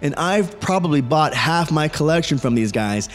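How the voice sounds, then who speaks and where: An upbeat man in his forties narrates his own collecting vlog, his voice set a little high. A long reverb trails behind his words, and soft music plays underneath. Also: animated, moderate pace. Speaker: host. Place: home studio with toy shelves.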